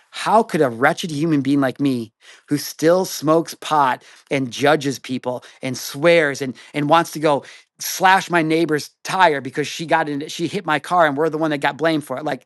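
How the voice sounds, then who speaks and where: A young man talking about his faith on a podcast, casual and slangy, speaking in quick bursts with frequent restarts. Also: fairly high pitch, a bit bright, no echo, studio quality. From Mexico. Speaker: podcast guest sharing his faith testimony. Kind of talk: animated faith talk.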